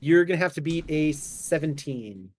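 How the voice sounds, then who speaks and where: A man running a tabletop game, improvising the narration haltingly and correcting himself as he goes. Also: on the high side, lively intonation, a little mellow. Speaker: game master.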